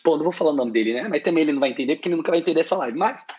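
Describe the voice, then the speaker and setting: A man's voice: on the high side, expressive, very fast, a little mellow, lo-fi sound, a little hiss or hum. A man, chatting casually as an interview guest and rambling with many restarts and slang fillers. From Brazil. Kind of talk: casual live-stream chat.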